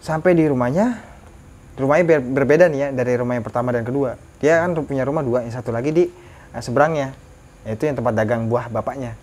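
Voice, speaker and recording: A young man telling a ghost story to a host, animated and lively in pitch. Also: fast talker. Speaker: guest storyteller.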